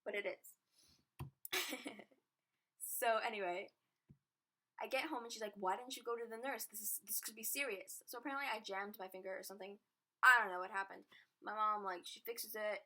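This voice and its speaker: A woman's voice: medium pitch, moderate pace, long pauses, sharp tone, low-quality recording. A teenage girl telling a story in a casual vlog, chatty and self-mocking. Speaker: vlogger.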